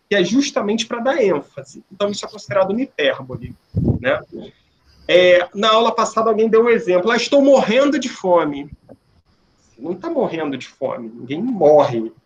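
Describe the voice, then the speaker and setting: High-voiced male teacher giving a remote class. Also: highs cut off, a little hiss or hum. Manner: explanatory, asks "né?" and "ok?" often, with frequent restarts.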